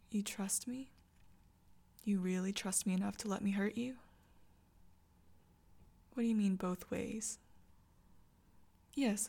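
In a whispered audio roleplay, a woman plays an intense, tender young girlfriend, speaking in a soft whisper close to the mic. Her pitch is medium with vocal fry, and she stammers whenever she gets flustered.

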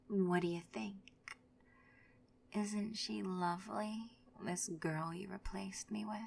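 A woman's voice: medium pitch, gravelly, slight background noise. A woman voicing a vindictive jilted ex-girlfriend in an audio roleplay, often whispering as she gloats.

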